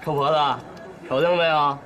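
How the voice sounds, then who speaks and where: An actor playing a fawning, cheeky man of low standing in a period TV drama, groveling one moment and teasing the next. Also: level tone, brisk, fairly bright tone, highs cut off, slight background noise, close to an everyday voice. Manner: groveling with his betters, cheeky and teasing otherwise.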